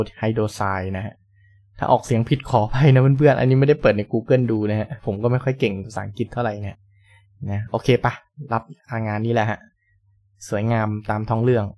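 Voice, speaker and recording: A man's voice: fairly low pitch, a little mellow. Young man, gameplay commentary, chatty, polite, thinks aloud, truck engine sounds behind. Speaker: gaming channel host.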